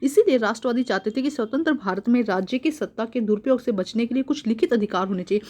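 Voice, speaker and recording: A woman's voice: a little high, animated, fast talker, a little mellow. A woman teacher goes through a school worksheet, reading each point and then explaining it again in simple words, mixing in English terms.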